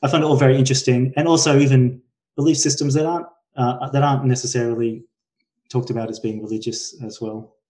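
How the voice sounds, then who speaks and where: A Queensland-accented man in his forties, from Brisbane, talks quickly as a guest in a casual conversational podcast interview. His medium-pitched voice is steady and a little mellow. He sounds hesitant, with frequent self-corrections, trailing thoughts, and repeated attempts to rephrase.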